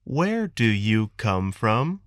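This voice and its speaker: Man, american accent, slow clear reading, expressive pitch, dry close recording. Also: no room sound. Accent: General American. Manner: clear, deliberate enunciation for learners. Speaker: textbook dialogue reader. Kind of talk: slow scripted textbook reading.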